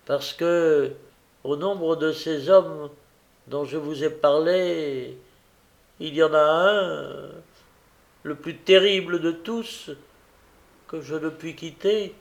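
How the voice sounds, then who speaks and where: A man's voice: fairly high pitch, takes it slowly, creaky, pauses often. A man reading the part of a desperate, remorseful young woman who pleads through tears, in a fervent, anguished way.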